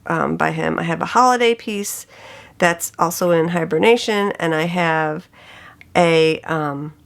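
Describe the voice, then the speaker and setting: A woman chats through her stitching projects at an unhurried pace, with a gravelly edge in her voice. She gushes over patterns and colors like a devoted crafter sharing with friends. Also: on the low side, fairly bright tone. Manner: enthusiastic, gushing over colors. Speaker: cross-stitch vlogger. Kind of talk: casual show-and-tell chat.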